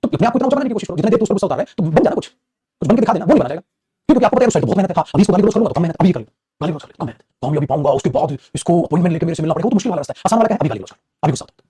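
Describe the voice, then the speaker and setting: A male teacher rattles through a live online grammar class at great speed, his pitch leaping around as he scolds and motivates. His voice is husky and mellow. It sits close and dry on the mic. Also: lively intonation, rapid-fire, no echo. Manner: scolding, motivational, calls students beta.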